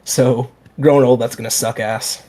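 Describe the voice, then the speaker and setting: An easygoing man in his late twenties with an even, mid-pitched voice. He chats plainly and matter-of-factly with friends. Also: normal speed. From Utah, USA. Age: late 20s. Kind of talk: casual chat.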